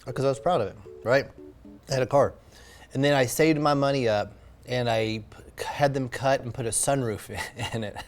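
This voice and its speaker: A man's voice: mid-range voice, moderate pace, soft background music. A man, an oral surgeon hosting the show, chatting casually during a hot wings challenge and feeling the spicy heat, often ending lines with "right?". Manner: easygoing, tags lines with "right?". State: suffering from spicy food heat.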